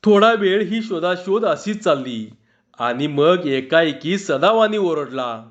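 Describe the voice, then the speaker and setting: A man reading a humorous short story aloud in a slow, measured storytelling manner. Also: a little high, animated. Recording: dull lo-fi recording.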